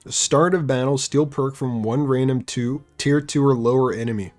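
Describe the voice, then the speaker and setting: Young man, game streamer, casual chatter, wry sarcastic asides, mid-pitched voice. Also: normal speed, darkish tone, soft background music.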